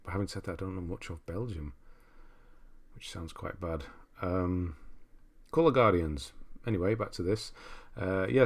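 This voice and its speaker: His voice sits on the low side with a darkish tone as he runs a casual livestream. Reading viewer messages aloud and reacting to game lists, he rambles, muses openly, and frequently slips into asides.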